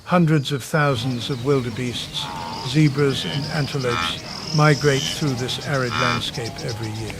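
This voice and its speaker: A man narrating a nature documentary from a script in a dramatic, measured, portentous way. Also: medium pitch, noisy background. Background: music.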